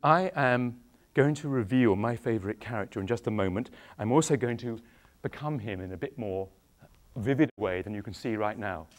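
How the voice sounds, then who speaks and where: A man's voice: fairly low pitch, normal speed. Middle-aged english guy doing a kids show, playful, keeps asking the kids stuff, lapel mic. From England. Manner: animated, questioning, playful with the audience. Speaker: actor performing for children. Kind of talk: interactive children's show. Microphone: clip-on microphone.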